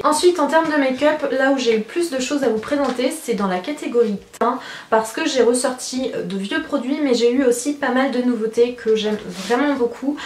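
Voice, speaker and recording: A woman's voice: on the high side, darkish tone, a little hiss or hum. Chatty woman reviewing beauty products. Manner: chatty, says she is talkative, frequent fillers. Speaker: beauty vlogger. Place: at home, sitting on her bed. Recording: echoey room.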